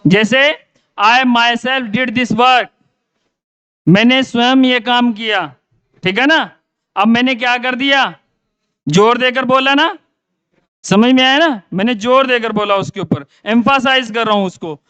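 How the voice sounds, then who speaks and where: A man's voice: very high-pitched, measured pace, bright, forceful tone, smooth, dry recording, highs cut off. A male teacher giving a grammar lesson, repeating his own questions and answering them.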